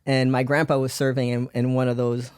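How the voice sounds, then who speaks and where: A man's voice: mid-range voice, level tone, a little fast, darkish tone, clear, resonant tone, no echo, clean studio sound. Rambling man telling his life story. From raised in Belgium. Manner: rambling, laughs often, many fillers. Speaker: podcast guest. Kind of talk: casual life-story interview.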